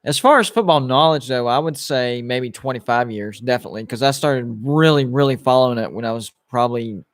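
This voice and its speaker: Hosting a live sports watch-party stream, a man in his late thirties chats casually and reads viewer comments aloud. He rambles, restarting often and filling gaps with "like" and "you know." His mid-range voice runs a little fast, and the sound is dry and close with little room echo.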